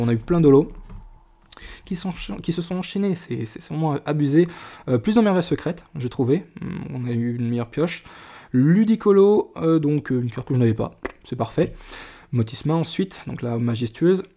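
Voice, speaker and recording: A man's voice: mid-range voice, warm tone. A young man chatting casually while showing and opening trading cards, with lots of fillers and restarts. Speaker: card collector vlogger. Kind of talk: casual card-opening video.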